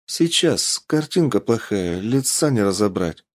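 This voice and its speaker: A man voicing an eager young woman fighter in an audiobook, raising his pitch and speaking in quick exclamations. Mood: excited. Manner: raised girlish pitch, excited exclamations. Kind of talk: audiobook character voice.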